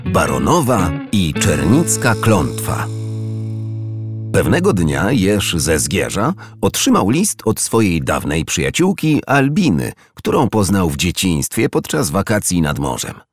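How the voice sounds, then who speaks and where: Deep-voiced man reading a storybook. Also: wildly swooping pitch, measured pace, faint music behind. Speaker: narrator. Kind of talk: storybook narration.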